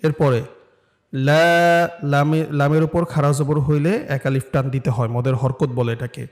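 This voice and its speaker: Patient male Quran teacher, slightly high. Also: fairly even intonation, measured pace. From Bangladesh. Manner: patient, corrective, prompting repetition. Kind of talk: classroom lesson with live student drills.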